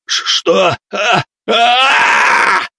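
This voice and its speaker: A man's voice: mid-range voice, very animated, normal speed, dry recording, studio quality. A man doing a coarse, swaggering bald thug. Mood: screaming in pain. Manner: coarse, swaggering street talk. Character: bald, brutish male gang leader, cocky then howling.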